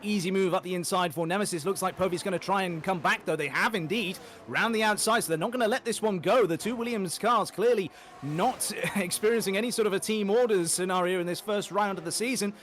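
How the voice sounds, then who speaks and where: Fast-talking race commentator. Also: male voice, high-pitched, slight background noise. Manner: rapid, excitable calling of the action. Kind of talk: play-by-play sim racing commentary.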